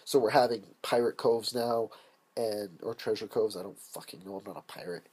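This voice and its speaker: A man's voice: on the low side, moderate pace, a little mellow, husky. A young man improvising a comic, profane parody of a movie plot, rambling and sarcastic as he jumps into silly voices. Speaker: comedian. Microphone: camera mic.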